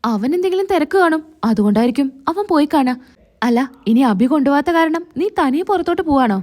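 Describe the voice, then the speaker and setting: A woman's voice: high-pitched, animated, fast talker, darkish tone. A woman reading the lines of a sneering, middle-aged mother-in-law, sarcastic and needling.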